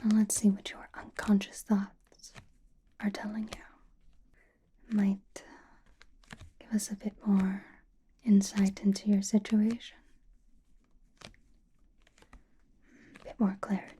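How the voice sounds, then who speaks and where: A woman playing a mysterious, powerful witch who reads tarot in an ASMR roleplay, whispering slowly in a calm, knowing, soothing way. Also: medium pitch. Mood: intrigued, sympathetic. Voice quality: breathy, whispered. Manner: slow, deliberate, soothing personal attention.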